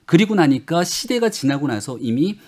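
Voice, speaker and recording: A man in his forties on a radio panel, explaining his views briskly and earnestly in a studio. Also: a little high, sing-song, a little mellow. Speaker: political panelist.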